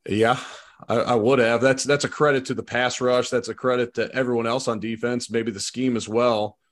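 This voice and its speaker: A man giving relaxed, conversational sports commentary as a football analyst, with an informal way of talking. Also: mid-range voice, moderate pace. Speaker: football analyst, show guest.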